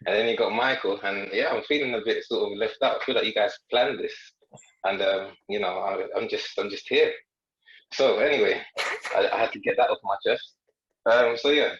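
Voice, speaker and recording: Man guest, joking and chatty, lowish voice, roomy dull recording. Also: a bit bright. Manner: joking, self-deprecating, chatty with restarts. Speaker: podcast guest, coach. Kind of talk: podcast conversation.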